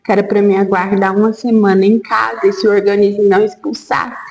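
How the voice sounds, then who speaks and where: A woman hosting a podcast, sharing her own experience in conversation and adding soft, supportive remarks. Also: mid-range voice, level tone, fairly quick, lo-fi sound. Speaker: podcast host. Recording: distant voice in an echoey hall.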